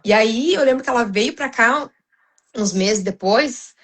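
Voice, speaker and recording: Uma mulher brasileira, com sotaque brasileiro, fala com sinceridade em um podcast cristão, com muitas hesitações e recomeços. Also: female voice, a little high, measured pace, fairly bright tone. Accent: Brazilian Portuguese. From Brazil. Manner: earnest, many restarts and fillers, addresses listeners as "gente". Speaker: podcast guest.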